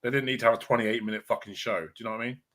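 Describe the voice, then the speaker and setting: A man's voice: medium pitch, steady tone, racing, a bit bright, slight background noise. Blunt ranting man on a podcast. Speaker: podcast panelist. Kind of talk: casual chat.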